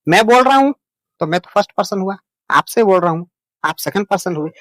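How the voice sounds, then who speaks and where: A man's voice: high voice, animated, brisk, no echo. A man teaching English to beginners, patient and homely, repeating each point and reassuring his learners. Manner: plain homely way of explaining. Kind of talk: beginner lesson explained in Hindi.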